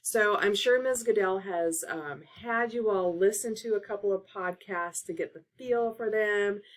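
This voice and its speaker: A woman's voice: mid-range voice, a little slow. A woman teacher-librarian giving a casual tutorial, talking through steps on her laptop with frequent fillers, recorded on the laptop microphone. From Oregon. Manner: casual, filler-heavy instruction. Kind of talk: screen-share tutorial.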